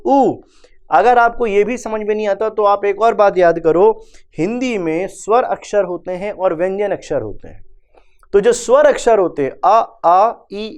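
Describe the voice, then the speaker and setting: A man's voice: sits high, a little mellow, clean tone. A male teacher gives a grammar lesson, asking questions and answering them himself. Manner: calls students "beta".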